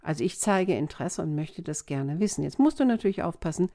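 A woman speaking as a communication coach in a podcast monologue. She explains things calmly and often adds the tag question "ne?". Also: low-pitched, brisk.

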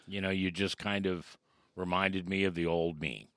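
A talk radio host with a bright, forceful voice at an ordinary man's pitch. He speaks candidly and casually, poking fun at his old self. The sound is close and dry with no room. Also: steady tone, moderate pace, dry recording. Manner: candid, self-deprecating, conversational.

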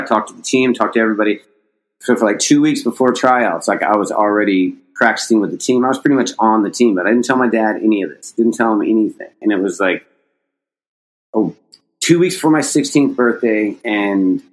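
A man's voice: lowish voice, low-quality recording. A middle-aged man from the United States telling a long personal story in a casual, rambling way, with restarts and casual swearing. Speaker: podcast guest, skateboarder.

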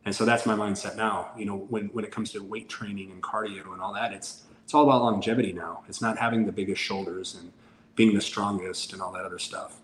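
A man's voice: lowish voice, fairly even intonation, brisk. A man in his forties, a podcast guest talking candidly in a casual interview and acting out the lines of a story he tells. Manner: candid storyteller who acts out dialogue. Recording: roomy sound with faint background noise.

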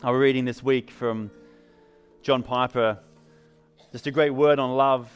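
A man's voice: mid-range voice, fairly even intonation, a little slow, smooth, faint music behind. A man with an English accent preaching a sermon in a church, telling stories in an upbeat, conversational way. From England. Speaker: pastor. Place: church service.

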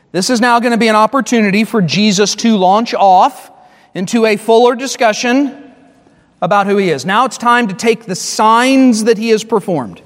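High-voiced man preaching in a reverberant hall. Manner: emphatic, repeats and restarts phrases, slows down for stress. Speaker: pastor. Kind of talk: sermon.

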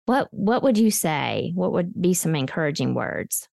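Chatty co-host woman, dry gravelly voice. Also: sits low, sing-song, moderate pace, darkish tone, dry recording. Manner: friendly, chatty. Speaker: podcast co-host. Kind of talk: interview podcast.

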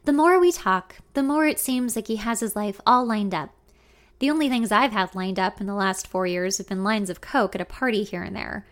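A young adult woman narrating a first-person story in an intimate, expressive way. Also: medium pitch.

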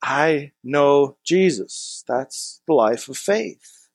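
A man's voice: on the high side, expressive, extremely slow, husky. A man preaching to a congregation in a church, in a chatty, folksy way with stories and asides. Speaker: pastor. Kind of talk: conversational sermon.

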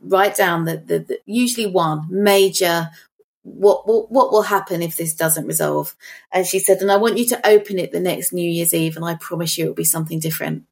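A woman's voice: lowish voice, normal speed, gravelly, darkish tone. A middle-aged woman, chatting on a podcast and telling stories while thinking aloud. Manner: reflective, storytelling, thinks aloud. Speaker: podcast co-host. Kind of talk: casual chat.

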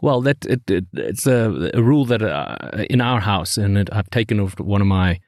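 A middle-aged man, telling stories in a rambling, animated way as a podcast co-host. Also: fairly low pitch, normal speed, no echo, studio quality. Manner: animated storyteller, rambling with restarts. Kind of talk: casual chat.

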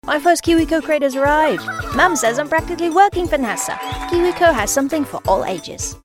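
An excited young girl with a British accent chatters in a high, bubbly voice, as a woman puts her on. She rushes her words in a commercial read, with music playing underneath.

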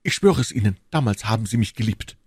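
Lovesick ardent duke read by a man, husky, dry mic. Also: lowish voice, lively intonation, fast, a little mellow, no echo. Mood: impassioned. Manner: fervent, swelling declarations. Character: passionate lovesick English duke, ardent and insistent. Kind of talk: audiobook reading of a classic novel.

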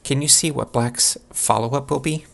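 A man giving instructional chess commentary in a measured way, posing questions to the listener as he analyses a game. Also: mid-range voice, vocal fry.

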